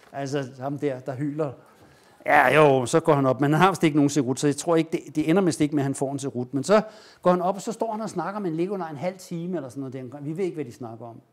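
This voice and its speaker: Man, lecturer, fairly high voice, animated storytelling, acted-out quotes. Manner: animated retelling, acting out quoted lines. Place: lecture room.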